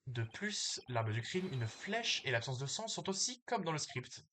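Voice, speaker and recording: A man's voice: medium pitch, very animated, measured pace, bright, forceful tone, slight background noise. A man doing a smug, suave young prosecutor. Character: smooth, smug young male rock-star prosecutor. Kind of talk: reading game dialogue aloud.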